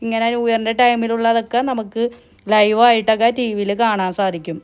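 Fast-talking Kerala woman vlogger mixing in English. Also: a little high, flat delivery, faint music behind. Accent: Kerala Malayalam. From Kerala, India. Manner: chatty, mixes English words into Malayalam. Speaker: travel vlogger. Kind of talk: casual vlog narration.

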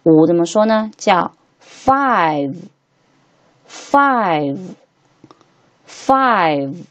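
A woman teaching English to beginners, patiently repeating each word slowly three times as she walks through a textbook lesson. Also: fairly low pitch, expressive, a little mellow.

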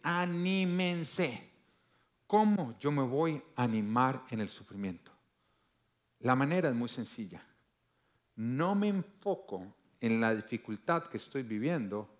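A male pastor delivering a sermon, emphatic, swinging from loud bursts to low, quiet lines and acting out the voices he quotes. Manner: acts out quoted voices in his preaching.

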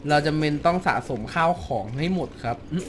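A man giving excitable let's play commentary, swearing casually and yelling out button prompts. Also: fairly high pitch, a little fast. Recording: noisy home recording.

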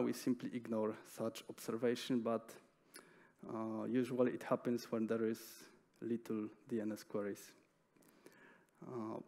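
Young male conference speaker, headset mic, hesitant but steady technical delivery. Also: medium pitch, vocal fry. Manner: measured, with frequent hesitations and fillers. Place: conference stage in a large hall.

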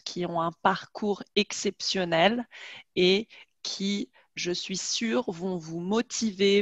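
A woman in her forties with a fairly low voice hosts a casual video call interview from a room at home, wearing a headset. She's a French teacher, chatty and quick to laugh, and the recording is dry and dull.

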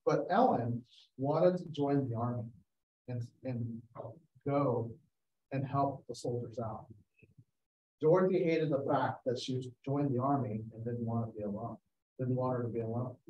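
This guest speaker, a photographer, narrates a slideshow on a video call, telling anecdotes and acting out what people said. His voice sits in the mid range and he takes his time. Sitting away from the mic gives a muffled, roomy, distant sound.

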